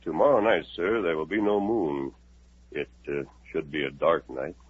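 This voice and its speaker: An actor playing the Lone Ranger, a calm, resolute masked hero, speaking in a steady, persuasive way in a 1950s radio drama. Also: male voice, very deep voice, normal speed, husky. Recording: tinny narrow old radio recording.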